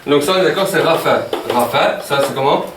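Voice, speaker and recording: A man with a higher-pitched voice teaches a beginners' Arabic class at a fairly quick clip, often repeating words and asking "ok?" to check understanding. The classroom recording is echoey, with background noise, and he sounds distant from the mic.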